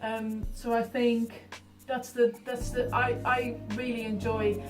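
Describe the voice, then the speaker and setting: A Dutch-accented woman of about thirty, from the Netherlands, talks slowly and somewhat hesitantly about her life and work as an artist being profiled. Her voice sits high with a level tone, captured by a distant mic in an echoey room, with music in the background.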